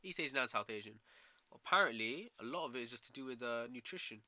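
A man's voice: medium pitch, animated, fast, pushed and bright, no room sound. A young man with a London roadman accent chatting casually with friends in slangy, sweary talk. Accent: London, urban street slang. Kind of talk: casual chat among friends.

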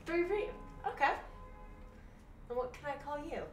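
Woman playing a frank, curious female bard, lively pitch. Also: measured pace, soft background music. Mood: curious, admiring. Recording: echoey room, distant mic, faint noise.

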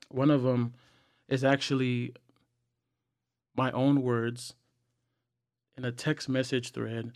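Young man, podcast guest, earnest and halting, dry close mic. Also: mid-range voice, steady tone, dry recording. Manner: earnest, halting with frequent fillers and restarts. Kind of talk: candid personal sharing.

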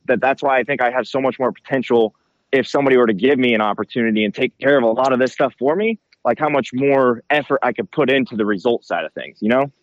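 A man speaks as a racer being interviewed, informal and full of little check-in tags. His voice is mid-pitched and comes through headphones used as a mic. The sound is a little dull, with no room echo. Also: fast talker. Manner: informal, slangy, frequent check-in tags like "right?" and "you know". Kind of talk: casual interview answers.

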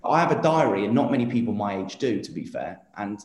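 A man's voice: lowish voice, lively intonation, fast talker, a little mellow. Earnest young man rambling in echoey room. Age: 20s. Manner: rambling, earnest, many fillers and restarts. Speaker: interview guest. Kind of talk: casual interview talk.

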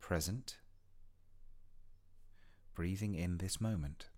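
A man with a deep voice guides a mindfulness meditation. His delivery is soft and hushed, at times close to a whisper. He gives gentle instructions in short phrases, very slowly, leaving long pauses. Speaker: meditation guide and podcast host.

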